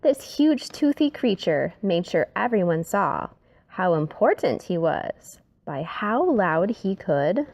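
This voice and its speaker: A woman gives a slow, dramatic, expressive reading of a rhyming children's story, sometimes going quiet to a hush. Her pitch is medium.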